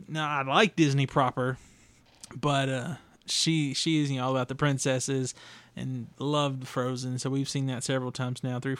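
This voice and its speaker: Here a young man hosts a casual podcast review on his own, wandering from thought to thought with hesitations and restarts. The mid-range voice has a clean tone and the recording is dry.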